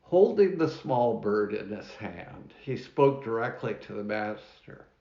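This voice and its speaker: A man who is a minister, preaching a sermon in a church, telling a story in a measured way with dramatic pauses, with a New Zealand accent. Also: fairly low pitch, very animated, creaky. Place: church hall. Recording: roomy, dull church recording.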